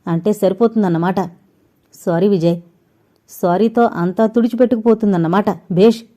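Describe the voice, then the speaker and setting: A sharp-tongued young man, as a woman narrator reads him, scolding in a mellow, relaxed voice with open sarcasm. He speaks in a storybook audio novel. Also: medium pitch, moderate pace, lightly acted. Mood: sarcastic.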